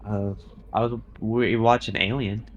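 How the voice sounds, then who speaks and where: A man's voice: fairly low pitch, fairly even intonation, a little slow, muffled recording. Laid-back young man, faint background noise. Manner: brief, laid-back replies. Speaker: podcast co-host. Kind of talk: casual chat.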